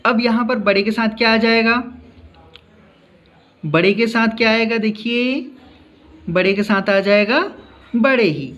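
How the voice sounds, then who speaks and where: A man's voice: high voice, a bit bright, lo-fi sound. A male teacher explaining a class lesson to children, repeating points and asking them questions.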